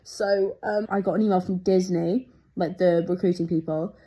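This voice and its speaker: A young woman from England chatting excitedly in a casual video diary, rambling with lots of fillers and restarts. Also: lowish voice, normal speed, breathy edge, rough recording. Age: young adult. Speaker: vlogger.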